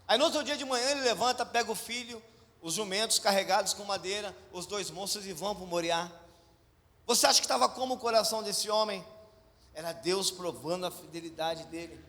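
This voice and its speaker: A middle-aged man with a Brazilian Portuguese accent preaches in a high, ringing voice. He tells his story dramatically, dropping to near whispers and then calling out, and has the congregation answer back. A long church hall reverb trails each phrase. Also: brisk. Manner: animated storytelling, swings from hushed to shouted; leads congregation call-and-response. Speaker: pastor. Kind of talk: sermon.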